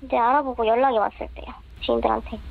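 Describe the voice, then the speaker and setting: A woman's voice: fairly high pitch, fairly even intonation, very fast, vocal fry, narrow, tinny audio. A woman giving short, hesitant interview answers, her voice electronically disguised to keep her anonymous. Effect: voice electronically altered for anonymity.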